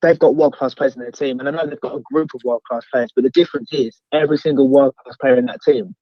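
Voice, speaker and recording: Slightly muffled lo-fi call, man, Essex accent, mid-pitched, casual rambling fan caller. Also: fairly even intonation, fast talker, no echo. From Essex, England. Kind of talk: casual chat. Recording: slightly dull, lo-fi call line.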